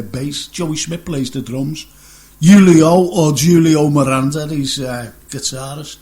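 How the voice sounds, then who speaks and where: A man's voice: fairly high pitch, gravelly. A middle-aged man hosting a casual radio chat show, rambling and joking and laughing often.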